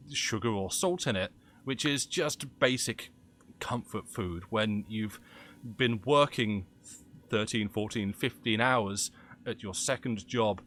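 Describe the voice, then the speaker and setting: A man's voice: fairly low pitch, a bit bright, a little hiss or hum. Ranting Cockney man streaming a game. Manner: impassioned ranting, frequent restarts. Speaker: gaming streamer. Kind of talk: casual live-stream chat.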